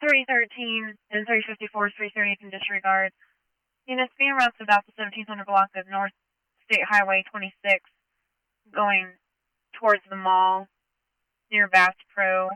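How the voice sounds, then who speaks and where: A woman dispatches units over police radio in short, procedural phrases. Her voice is smooth and dry, through a slightly dull lo-fi channel. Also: mid-range voice, steady tone, normal speed, long pauses, no room sound.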